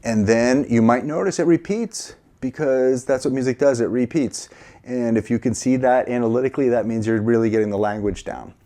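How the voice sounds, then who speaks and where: A man's voice: mid-range voice, brisk, dark tone. A middle-aged man teaching a casual piano lesson, encouraging and counting aloud, a little sleepy. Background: piano playing.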